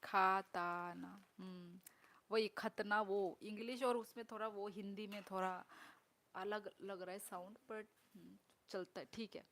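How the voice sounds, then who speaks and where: A woman's voice: mid-range voice, steady tone, measured pace, a bit bright. A young woman chatting casually on a live stream, reading comments and repeating words as she works them out.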